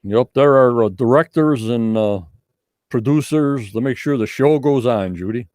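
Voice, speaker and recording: A man's voice: mid-range voice, moderate pace, darkish tone, dry recording. Casual male livestream host, close dry sound. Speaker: host of a live podcast. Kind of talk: casual livestream chat with viewers.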